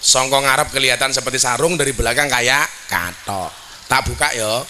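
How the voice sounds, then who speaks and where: A man's voice: medium pitch, a little fast, sharp tone, slight background noise. A man preaching a humorous sermon to a large gathering, telling jokes about his child. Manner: joking storyteller, mimics his child and mixes in Javanese. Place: outdoor religious gathering before a crowd.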